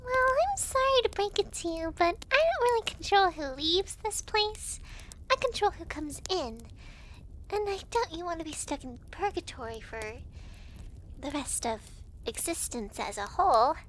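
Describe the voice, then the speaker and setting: In an ASMR roleplay, a woman plays a young devil girl who serves as hell's clerk, speaking to the listener in an extremely high, lively voice. She's breezy, teasing and giggly, halting when flustered. The audio is poor, with a faint noise behind her.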